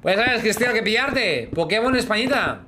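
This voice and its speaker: His voice sits high, with lively intonation and a slightly fast pace: a man in his thirties with a Spain Spanish accent, chatting and joking with viewers while live-streaming a game. He hums sound effects as he plays, speaking on a headset in a small room with a noisy background.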